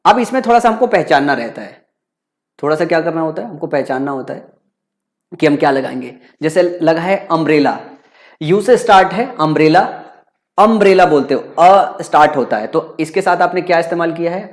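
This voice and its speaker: A man's voice: on the high side, lively intonation, brisk. A man teaching an exam-prep grammar lesson, repeating key points and asking rhetorical questions, calling students "bachcha".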